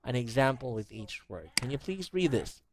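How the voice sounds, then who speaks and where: A man's voice: medium pitch, big pitch swings, normal speed, background noise. Patient male English teacher on a call. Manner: patient, explains with everyday examples, frequent "you know". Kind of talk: online one-on-one English lesson.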